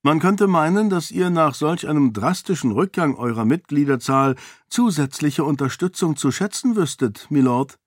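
A man's voice: a little high, lively intonation, moderate pace, no room sound, studio quality, pitched above the performer's own voice. A man voicing a bold young princess who talks in a pointed, self-assured way. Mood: assertive. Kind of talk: audiobook character voice.

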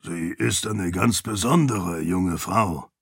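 A man voicing a croaky older uncle in an audiobook, wry and good-humored. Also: sits low, slow, dry recording, studio quality, exaggerated voice. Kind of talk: audiobook character voice.

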